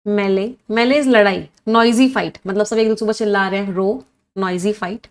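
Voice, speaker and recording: A woman's voice: mid-range voice, steady tone, normal speed, clear, resonant tone. A woman teaching English vocabulary in an online class, quizzing her students, praising their answers and switching between Hindi and English as she spells words out.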